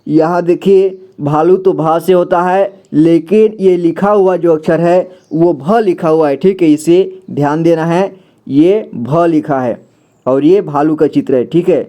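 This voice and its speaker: In a rather high voice with the highs cut off, a man teaches Hindi to beginners, going through the alphabet. He patiently explains every letter and picture, stretches his sounds, often checks with the listener, and repeats "theek hai" a lot.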